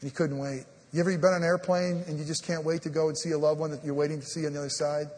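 Racing through his sermon, a high-voiced pastor dramatizes the dialogue of scripture, his voice climbing to loud emphasis and then falling to a hush. The filler "I mean" crops up repeatedly, echoing with the long reverb of the church sanctuary.

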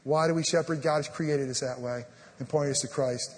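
High-voiced preacher in a reverberant church. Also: male voice, a little fast. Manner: animated preaching, voice rising and dropping to a hush; acts out scripture dialogue with repeated fillers like "I mean". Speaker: pastor. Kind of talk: sermon. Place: church sanctuary.

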